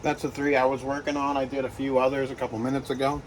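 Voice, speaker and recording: A man who breeds reptiles talks casually in a vlog while handling geckos, with lots of fillers and soft reassurances to the animals. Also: mid-range voice, level tone, fast talker, noisy background. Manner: rambling, filler-heavy, coos softly to the geckos.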